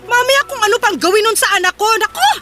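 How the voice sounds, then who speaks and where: An actress playing a tired working mother in a radio drama, scolding and sarcastic as she shouts at her partner. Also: extremely high pitch, quick pace. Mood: angry scolding. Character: sharp-tongued working mother, exhausted and scolding. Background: music bed.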